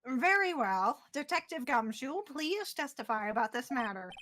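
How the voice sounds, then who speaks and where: A woman voicing an elderly male judge in a game, formal and measured. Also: sits high, big pitch swings, pushed and bright, heavily acted. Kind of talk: amateur voice-over of a game.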